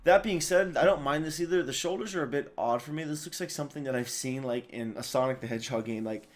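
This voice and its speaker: A tired man talks through a casual video commentary. He rambles and keeps doubling back, with lots of fillers and restarted sentences. His pitch sits in an ordinary middle range for a man. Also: quick pace. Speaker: video host.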